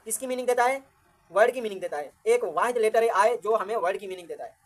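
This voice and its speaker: A woman's voice: a little high, quick pace. A woman teaching a grammar lecture, patiently repeating each point and counting words aloud as she explains.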